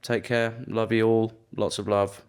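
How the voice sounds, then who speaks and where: A man's voice: on the low side, little pitch movement, measured pace, clean tone. A young man co-hosting a casual podcast chat, rambling and self-deprecating. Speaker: podcast co-host.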